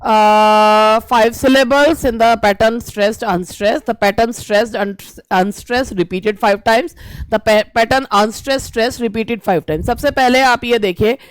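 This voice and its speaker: A woman teacher, reading English exam questions slowly and explaining them at length. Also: fairly high pitch, clean tone, no echo. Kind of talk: exam-prep lesson.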